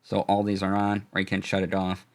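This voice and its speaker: Using a studio dynamic microphone, a man with a low voice chats casually about audio gear in a live-stream demo. His speech is halting, with many fillers and restarts, and he gives chat viewers a warm hello.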